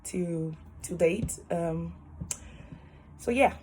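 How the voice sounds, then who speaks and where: Over a webcam video call from a small room at home, a Cameroonian student nurse in her twenties tells a casual personal story. Her voice is fairly low and extremely slow, the recording is rough with slight background noise, and she's cheerful, laughing often and gesturing animatedly with her hands.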